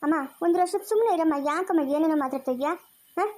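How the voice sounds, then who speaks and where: Woman as an exasperated daughter, high pitch, fast, insistent. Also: darkish tone. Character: exasperated grown daughter pleading with her mother. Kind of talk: family drama skit.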